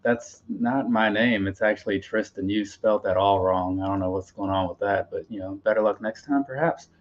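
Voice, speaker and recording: A man's voice: fairly low pitch, moderate pace. A man chatting casually on a live stream as he unpacks his purchases, rambling and talking to himself. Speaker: collector vlogger. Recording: slightly dull lo-fi audio with faint noise. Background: faint pop punk playlist.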